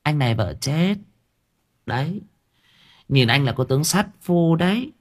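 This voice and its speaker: A man voicing a theatrical, scheming young female fortune-teller, sobbing in a high falsetto wail. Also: sing-song, a little slow. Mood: knowing.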